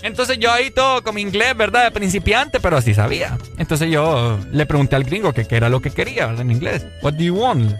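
A Honduran-accented man co-hosting a casual show. His voice is high and bright with a very lively pitch. He tells jokey stories over faint music. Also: fast talker, few pauses. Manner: lively, storytelling, joking. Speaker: radio co-host. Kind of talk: casual chat on air.

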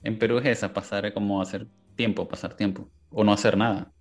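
A man's voice: lowish voice, little pitch movement, a little fast, faint music behind. A man chatting casually on a radio show, playfully asking questions and repeating words back. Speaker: radio co-host.

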